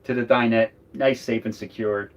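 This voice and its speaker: A man's voice: medium pitch, fairly even intonation, normal speed. A man with a Philadelphia accent talks in a loose, rambling way, tossing in jokes as he chats on a livestream. He sits inside an RV, and the audio comes through a little muffled. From Northeast Philadelphia. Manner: rambling, chatty, joking. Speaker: RV vlogger, co-host. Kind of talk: casual live chat.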